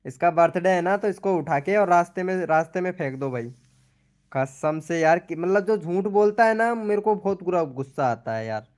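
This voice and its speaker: A man's voice: high voice, lively intonation, normal speed, darkish tone. A young man hosting a casual live stream, chatting and teasing viewers by name while reading their comments. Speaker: live stream host promoting channels.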